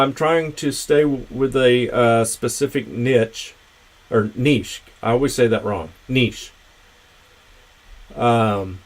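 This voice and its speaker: A man hosting his own channel's livestream, talking in a casual, meandering, unscripted way. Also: medium pitch. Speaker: channel host.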